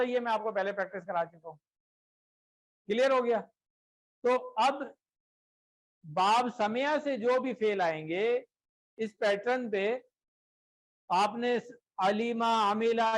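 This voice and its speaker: A man's voice: very high-pitched, low-quality recording. A man teaching a class, patiently drilling verb forms and often checking that students have understood. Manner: slow, deliberate repetition of word lists.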